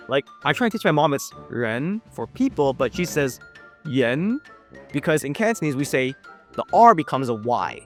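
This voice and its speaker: A man hosting an explainer video, narrating a script in a conversational way. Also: mid-range voice. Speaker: video host.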